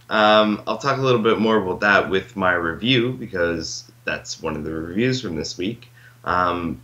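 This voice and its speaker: A man co-hosting a casual gaming podcast, laid-back and low-key, chuckling and mumbling fillers. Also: sharp tone. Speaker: podcast co-host. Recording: slightly dull lo-fi mic.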